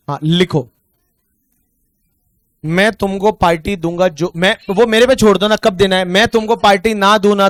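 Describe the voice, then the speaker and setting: A man with an Indian accent teaching an online tax class, chatting casually and joking, then slowly dictating questions. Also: sits high, no echo.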